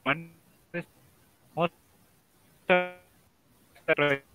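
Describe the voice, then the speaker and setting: A man speaking in halting, fragmented phrases over a glitchy online call whose audio keeps breaking up. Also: on the high side, fairly even intonation, crowd noise. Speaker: guest expert. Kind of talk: online panel discussion. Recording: tinny phone-like call line.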